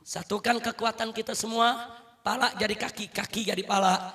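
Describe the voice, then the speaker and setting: A middle-aged male preacher with a very high, piercing voice delivers a fiery sermon to a large gathering. He rouses the crowd, repeats his call to the brothers again and again, and leads them in answering chants. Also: steady tone, normal speed, sharp tone, slight background noise. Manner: rousing, repeats "saudara", calls for takbir and crowd responses. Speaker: Islamic preacher.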